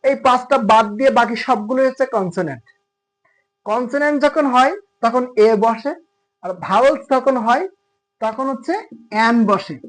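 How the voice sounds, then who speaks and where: A man's voice: very high-pitched, moderate pace, fairly bright tone. A man teaching English grammar in Bengali, explaining patiently and asking his students rhetorical questions. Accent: Khulna Bengali. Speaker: English tutor. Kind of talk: classroom grammar lesson. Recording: tinny phone-like audio.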